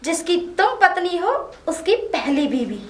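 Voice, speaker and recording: An actress playing a scheming young wife who taunts and bosses the new bride. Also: female voice, very high voice, sing-song, a little slow, exaggerated voice. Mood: taunting. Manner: taunting, mocking. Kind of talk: low-budget Hindi drama acting. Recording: echoey room.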